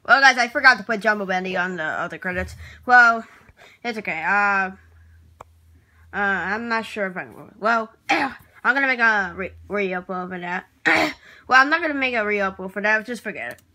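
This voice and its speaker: A woman vlogging casually in a hesitant, rambling way, restarting her words, clearing her throat and apologizing often. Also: mid-range voice, animated, normal speed, sharp tone. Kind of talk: casual vlog talk while working at a computer.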